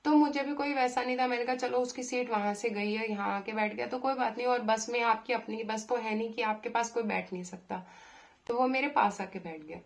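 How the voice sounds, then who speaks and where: A young woman, telling a personal story in a chatty way, with pauses and fillers. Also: on the high side. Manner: chatty, with many pauses and fillers, acting out her own angry replies. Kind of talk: casual storytelling.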